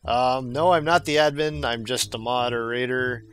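A man's voice: mid-range voice, moderate pace, fairly bright tone. A young man hosting a casual group chat, reading viewer mail aloud in a playful way and laughing often.

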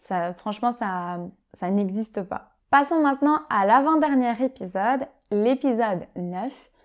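A French woman with a fairly high voice gives a vocabulary lesson. She explains each phrase patiently and clearly, pausing now and then on "euh". She acts out the examples with a lively tone. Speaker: French teacher.

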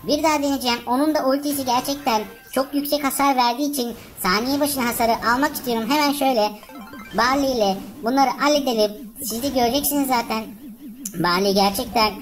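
Excitable woman cheering on a game. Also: fairly high pitch, fairly quick, crowd noise, poor audio. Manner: cheers on game characters, chatty, addresses viewers. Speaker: gaming channel host. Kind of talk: excited let's-play commentary.

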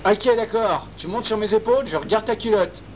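A man's voice: high-pitched, a little fast, slight background noise, lightly acted. A man voicing a foul-mouthed, goofy young policeman in an amateur parody game dub, full of exclamations. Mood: cocky. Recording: dull lo-fi dub under loud music.

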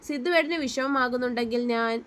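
A woman's voice: high-pitched, fairly quick. Woman reading as a shy young woman. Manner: hesitant, soft.

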